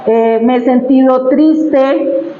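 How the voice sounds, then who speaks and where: High-voiced woman preaching in an echoey church. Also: steady tone, takes it slowly, noisy background. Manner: emotional, conversational, asks the congregation questions. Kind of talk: sermon with personal testimony. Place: church hall. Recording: echoey, dull church recording.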